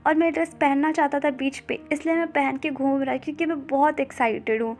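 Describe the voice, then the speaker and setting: Woman reading as an excitable young man. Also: very high voice, fairly quick. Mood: excited. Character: excitable cheerful young man, playful friend.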